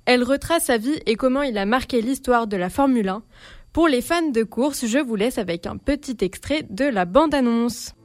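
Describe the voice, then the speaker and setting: A woman's voice: a little high, animated, normal speed, a little mellow, dry recording. A woman presenting the week's streaming releases as a columnist, reading steadily from a script.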